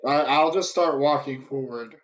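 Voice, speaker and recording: A man with a medium-pitched voice talks as a player at a tabletop fantasy game. His delivery is casual table chat. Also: moderate pace.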